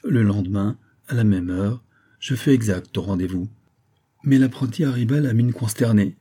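A man reading a nineteenth-century novel aloud as an audiobook narrator, with a measured storytelling delivery. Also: on the low side, mellow, breathy edge.

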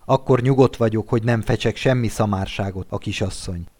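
A wry aging gentleman, teasing and muttering his remarks, as a male reader puts him on. The voice sits low and unhurried, close to the narrator's own. It belongs to a classic storybook reading. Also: lightly acted.

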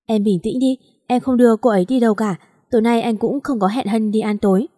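A woman voicing a young man who speaks in a calm, placating way. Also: a little high, fast, close to an everyday voice.

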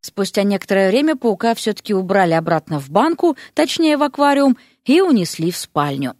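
A woman narrating a comic fantasy story with lively, expressive reading. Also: medium pitch, brisk, no echo, clean studio sound. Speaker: audiobook narrator.

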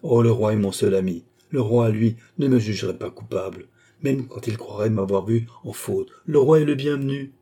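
A man's voice: mid-range voice, moderate pace, warm tone, breathy edge. A man reading an audiobook, voicing a proud young queen who pleads and protests in raised, indignant outbursts. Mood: urgent.

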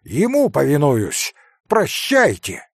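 A man reading aloud, voicing a proud, impulsive teenage boy who bursts out loudly. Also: mid-range voice, very animated, takes it slowly, husky, dry recording, clean studio sound, exaggerated voice. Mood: brash excited. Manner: brash, loud outbursts.

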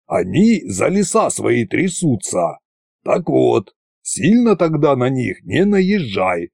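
A man voicing a bossy, scheming old male tsar in an audiobook, slow and commanding in a folksy way. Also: mid-range voice, big pitch swings, creaky, darkish tone, no room sound, clean studio sound, voice pushed up, full character voice. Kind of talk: audiobook character reading.

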